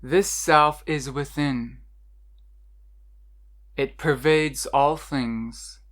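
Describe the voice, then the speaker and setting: Here a guide narrates a scripted meditation at medium pitch with a steady tone, keeping the instructions measured and the pauses deliberate.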